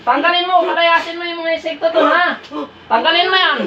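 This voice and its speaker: A woman faith healer in an exorcism ritual, chanting incantations and barking rapid commands. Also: very high voice, noisy background. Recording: roomy, distant, dull room recording.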